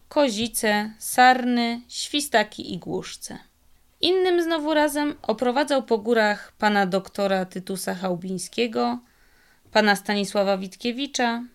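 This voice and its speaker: Woman spinning a folk tale, slow and kinda gravelly, lively folksy telling. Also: fairly high pitch. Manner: lively, folksy storytelling with exclamations. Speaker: storyteller.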